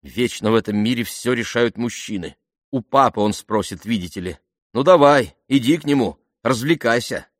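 A man voicing a sharp-tongued young woman who speaks curtly and sarcastically. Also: fairly low pitch, moderate pace, no echo, studio quality, natural voice. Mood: irritated. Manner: curt and sarcastic.

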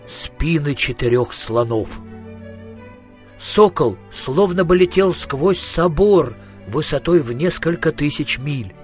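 A male audiobook narrator, even and measured, his voice sitting a bit high for a man. Soft music plays faintly beneath the reading. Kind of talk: scripted narration.

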